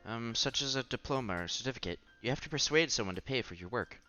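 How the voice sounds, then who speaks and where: Reading a visual novel aloud in a laid-back playthrough, a man speaks fast in an expressive, sharp-toned mid-range voice, stumbling now and then and adding side comments. Background music plays, and the audio sounds dull.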